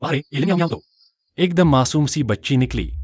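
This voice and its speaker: An actor playing a poor, sensitive young male writer in a dubbed short drama, expressive and earnest. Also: a little high, a little fast, breathy edge, no room sound, muffled recording. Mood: gentle.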